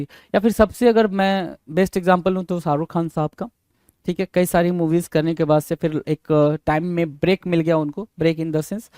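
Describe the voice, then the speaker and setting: A man teaching English idioms in Hindi for exam prep. He repeats each idiom slowly and keeps asking the class rhetorical questions. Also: high voice, darkish tone, smooth, dry recording, studio quality. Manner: asks the class rhetorical questions, calling them "bhai". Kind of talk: exam-prep vocabulary lesson.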